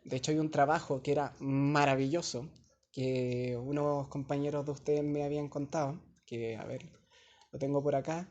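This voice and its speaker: A man's voice: fairly high pitch, mellow. A young man with a Chilean accent, a teaching assistant explaining an assignment in a chatty, digressive classroom talk full of casual slang, recorded on a phone in a classroom. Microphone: phone held by a student.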